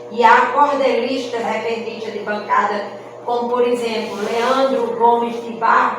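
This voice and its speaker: Lady poet teaching verse, high voice, far off in a big echoey room. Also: background noise. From Rio Grande do Norte, Brazil. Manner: explanatory, checks in with "não é?". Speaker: cordel poet and speaker. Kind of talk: lecture at a literary festival. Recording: echoey room, mic far off, music behind.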